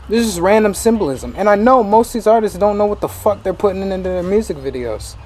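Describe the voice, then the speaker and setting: A man's voice: sits high, expressive, fast, darkish tone, a little hiss or hum. A man ranting profanely in casual let's-play commentary as a gaming streamer. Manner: profane, ranting, laughing asides.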